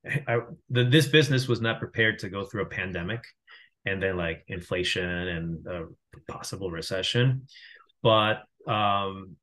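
This deep, fairly bright male voice belongs to a founder in his thirties from Venezuela, a guest in a relaxed interview. He talks at a moderate pace from a home room on a video call, captured through a webcam microphone. His delivery is casual and thoughtful, full of fillers and frequent restarts.

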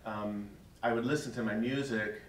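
Speaking at normal speed with fairly even intonation, this middle-aged priest has a voice on the low side. He recounts a tale to his congregation in a church hall, conversational and laughing softly. A little hiss or hum comes through the distant mic, and the room is echoey.

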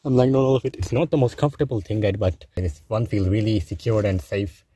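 A young man chatting casually as a vlogger while filming from inside a blanket fort in a parked car, talking excitedly and saying guys constantly. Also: on the low side, brisk, breathy edge, no room sound. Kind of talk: casual vlog narration. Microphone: handheld phone camera.

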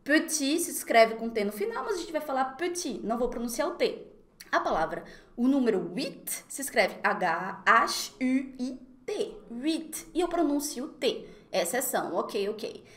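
A woman's voice: high voice, reverberant. Chatty Brazilian woman teaching French. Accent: Brazilian Portuguese. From Recife, Brazil. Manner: lively, chatty, laughs often, switches into slow careful French. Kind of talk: live online French lesson.

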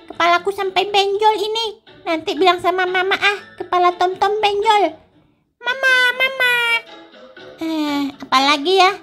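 A woman's voice: very high-pitched, bright, forceful tone, pitched above the performer's own voice. A woman voicing a jealous, mischievous little boy in a game, talking in a whiny, childish way.

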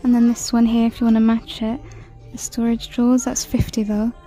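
Chatty woman with a mellow voice. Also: on the high side, level tone, brisk, faint music behind. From United Kingdom. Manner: chatty, reads out prices, drops to soft whispers at times. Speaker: shopping vlogger. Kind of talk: casual shop-with-me commentary. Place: large indoor store. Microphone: handheld phone camera.

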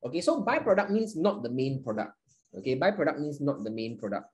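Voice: medium pitch, big pitch swings, brisk, a little mellow, dull audio. A teacher runs a live online class in a playful, joking way and counts down to each answer.

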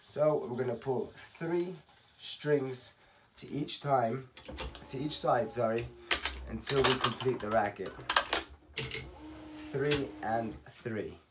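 A man in his thirties, slightly hoarse from losing his voice, calmly talking through a how-to tutorial step by step and counting aloud. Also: mid-range voice, takes it slowly, heavy background noise. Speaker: racket stringing instructor. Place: home workshop at night. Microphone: camera on a tripod.

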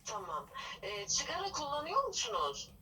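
A polite office employer, played by a woman, answers through a landline phone with a high, bright voice. She sounds formal and patient, pausing on fillers. The line comes across distant, with faint noise behind her. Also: huge pitch swings, full character voice.

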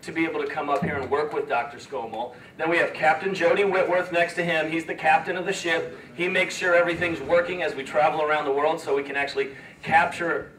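A man leading an expedition gives an earnest, halting, emotional speech to schoolchildren, recorded from far off in a large room. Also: fairly high pitch, fairly even intonation, a bit bright. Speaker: expedition leader. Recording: echoey room from far off, faint ambience.

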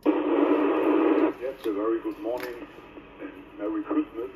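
A man from northwest Germany, an amateur radio operator spelling call signs slowly in formal radio phrasing, heard through fading shortwave radio reception. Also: on the low side, steady tone. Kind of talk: ham radio contact exchange. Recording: tinny distant radio signal with loud static.

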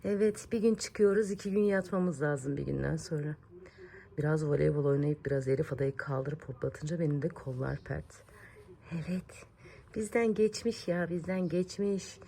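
Home vlogger, female, thirties, lower pitch, easy chatty delivery mixed with tender baby talk. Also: moderate pace, gravelly. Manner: soft baby talk to her daughter, whispering while the child sleeps. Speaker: vlogger and mother. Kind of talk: casual home vlog chat.

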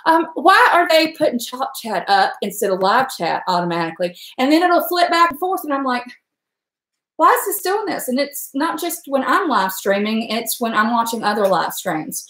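Her voice sits on the high side, fairly bright and very animated, at a normal speed. She's a forties-aged cooking streamer with an Appalachian Virginia accent, cooking at her home stove and chatting folksily, with plenty of rambling, to live viewers. A webcam at the stove records the echoey kitchen.

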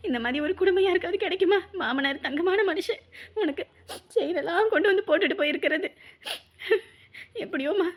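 A woman playing a devoted middle-aged village mother in a family drama, speaking softly. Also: high-pitched.

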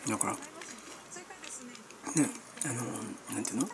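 Her voice rumbles low at a normal speed, against heavy background noise. This middle-aged Kansai-accented woman vlogs in a chatty, meandering way, hopping between everyday subjects, referring to herself by nickname, and laughing and using fillers often.

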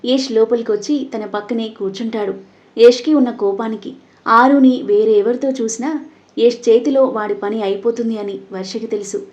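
A woman narrating a scripted audio story in a steady, even way. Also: a little high. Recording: dull lo-fi audio.

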